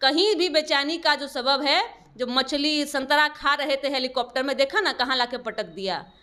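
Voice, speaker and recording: A woman party spokesperson answers interview questions combatively, rebutting her opponents and lecturing them. Her high voice is pushed and bright, at a normal speed.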